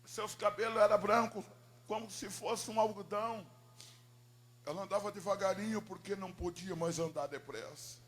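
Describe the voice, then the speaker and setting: High-voiced pastor, dramatic testimony. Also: male voice, moderate pace. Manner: dramatic storytelling, from hushed to loud. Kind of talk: emotional sermon testimony.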